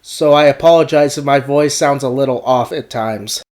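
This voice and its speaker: Still shaking off a cold, a man narrates a scripted game review as host of a video essay. His medium-pitched voice has a darkish tone, and he paces it in a measured, deliberate way.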